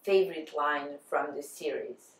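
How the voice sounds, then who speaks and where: A woman's voice: low-pitched, measured pace. A woman vlogger giving semi-scripted talk to camera in an articulate, bookish way. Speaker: vlogger answering fan tag questions. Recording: echoey room.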